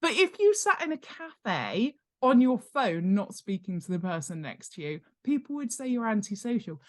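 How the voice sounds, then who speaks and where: This middle-aged British woman's voice is fairly high and very animated, moving at a moderate pace. As an author and world-building expert guesting on a podcast, she explains things conversationally and hammers home her points by saying words more than once.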